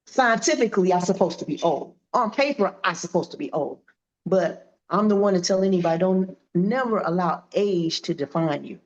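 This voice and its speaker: A woman in her fifties, a boxer being interviewed, telling stories in a lively, animated way and acting out what people said. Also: on the low side, moderate pace, lo-fi sound. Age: 50s. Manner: animated, acts out quoted dialogue. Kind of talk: casual interview storytelling.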